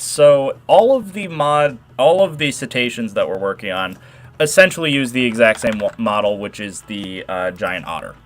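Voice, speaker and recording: The host of this modding livestream is a young man whose nasal voice is fairly low and fairly bright. In a casual tutorial, he rambles chattily about his work while answering messages from chat.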